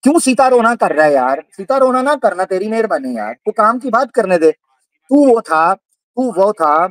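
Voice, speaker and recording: Guy with a high voice streaming live, taunting and aggressive, repeats himself a lot, dry close sound. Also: sing-song, moderate pace, dry recording. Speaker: livestream debate host. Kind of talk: heated live call-out on stream.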